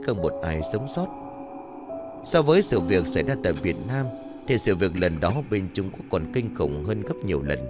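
Dramatic low-voiced man narrating horror. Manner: lively storytelling with dramatic pitch swings. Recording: dry close mic with faint music bed.

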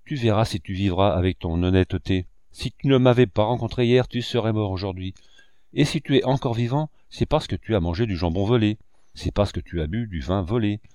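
A man's voice: fairly low pitch, fairly quick, warm tone, no echo, studio quality, lightly acted. A man reading as Biboche, a scornful street thief. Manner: scornful and harsh. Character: tough young male street thief, quick to anger. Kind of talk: audiobook reading.

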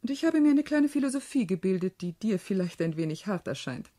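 In a German radio play, an actress portrays a shrewd, proud, self-possessed widowed sister, speaking deliberately and expressively with a self-satisfied air. Her mid-range voice is sing-song with a dark tone.

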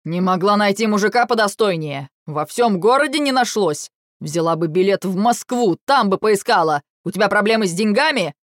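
A woman voicing an older male general with burred r sounds, furious and sarcastic, speaking slowly and bitingly. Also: medium pitch, animated, no room sound, studio quality, natural voice.

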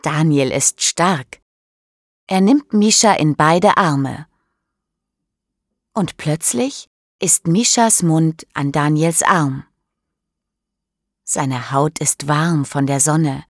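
A woman narrating a graded-reader audiobook slowly and deliberately in a studio. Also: low voice, dry recording. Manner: slow, clear, deliberate.

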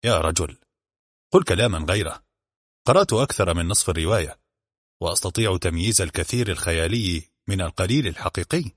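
A blunt police officer who mocks and teases in a low, husky voice, as a male reader puts him on. His lines stay offhand and sardonic. The dry, close sound of an audiobook recording carries them. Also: expressive, quick pace, no room sound. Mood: dry teasing. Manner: mocking, offhand.

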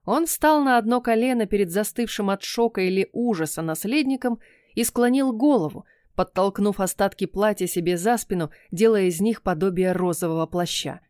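A woman's voice: mid-range voice, normal speed, no echo, studio quality. Woman reading an audiobook. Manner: expressive first-person storytelling. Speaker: narrator. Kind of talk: audiobook narration.

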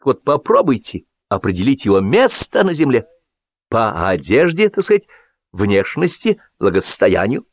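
A man voicing a pushy middle-aged party host who gives loud, drawn-out toasts. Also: mid-range voice, big pitch swings, dry recording, dull audio. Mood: toasting.

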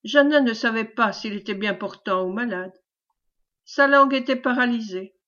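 A woman reading a classic novel aloud in a measured storytelling manner, on a dull lo-fi recording. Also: on the high side, a bit bright. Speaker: audiobook reader. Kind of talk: scripted novel narration.

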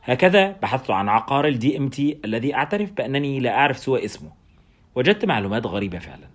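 A man narrating a first-person story as an audiobook, in a brisk and wry storytelling manner. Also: medium pitch, big pitch swings.

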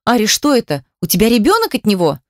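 A woman's voice: medium pitch, wildly swooping pitch, quick pace, no room sound, studio quality. A woman voicing a middle-aged mother who is pushy, defensive and reproachful on the phone with her daughter. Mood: surprised.

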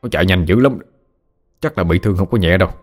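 A man's voice: low-pitched, faint music behind. A man voicing an exasperated village father who scolds his son, in a read-aloud ghost story. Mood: scolding. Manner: scolding, brisk.

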